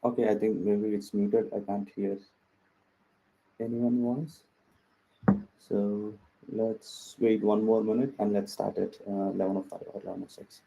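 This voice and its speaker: A man hosting a webinar on a video call, speaking haltingly with many fillers while he checks whether people can hear him. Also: lowish voice, flat delivery, vocal fry, dark tone, husky, poor audio. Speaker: webinar host. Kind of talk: casual webinar setup chat. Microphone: computer mic on video call.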